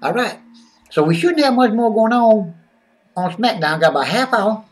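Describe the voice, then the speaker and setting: A man's voice: high voice, expressive, moderate pace, distant mic. A man voicing a zany, boastful male wrestling-fan character who drawls and talks about himself in the third person. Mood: brash.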